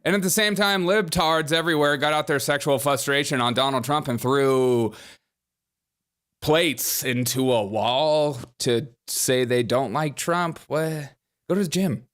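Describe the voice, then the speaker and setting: A man's voice: fairly high pitch, a little slow. Sarcastic male political commentator. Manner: sarcastic and mocking, energetic. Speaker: host.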